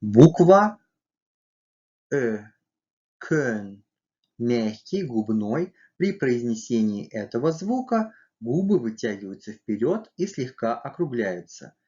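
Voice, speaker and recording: A man's voice: mid-range voice, very animated, a little slow, hardly any pauses, warm tone, dull audio. A man narrating a scripted language lesson, carefully spelling out letters and sounds one at a time. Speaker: language teacher.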